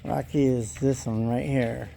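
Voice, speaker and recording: An American man on a homestead who makes calm, short remarks about the animals. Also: mid-range voice, measured pace, vocal fry, slight background noise.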